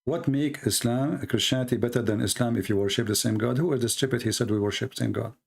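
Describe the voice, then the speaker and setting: A debate show host, a native Arabic speaker from the Middle East, talks fast in a mid-range voice with vocal fry and a breathy edge. His Arabic-accented commentary is blunt, mocking and casual, in broken English grammar.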